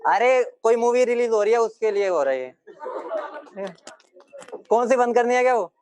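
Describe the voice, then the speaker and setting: A man's voice: very high-pitched, expressive, moderate pace, darkish tone, smooth. Joking Hindi-speaking male teacher. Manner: joking with students, then firm and explaining. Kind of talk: classroom lecture.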